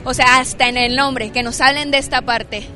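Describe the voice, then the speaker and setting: A woman's voice: high-pitched, fairly even intonation, normal speed, over music. A woman reporter asking a band curious, engaged questions. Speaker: radio festival reporter. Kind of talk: on-site interview.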